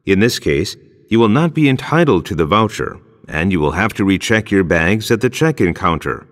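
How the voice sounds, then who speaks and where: A man's voice: fairly low pitch, very animated, fairly bright tone. Man voicing a reverberant male airport announcer. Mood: formal, apologetic. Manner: measured, formal, clearly scripted delivery. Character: formal, courteous male airline public-address announcer. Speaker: airport announcer in a listening test. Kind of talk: airport announcement, scripted and formal. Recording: long hall reverb, public-address sound.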